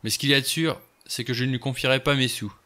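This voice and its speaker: A man voicing a gruff, blunt and suspicious ex-police inspector who mutters. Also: mid-range voice, steady tone, quick pace, sharp tone, lightly acted.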